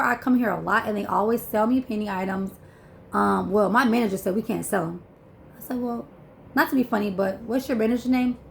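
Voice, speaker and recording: A woman telling a shopping story in a vlog, animated and chatty, acting out what people said. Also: mid-range voice, creaky, slight background noise. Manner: animated, acts out dialogue, many fillers. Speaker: vlogger.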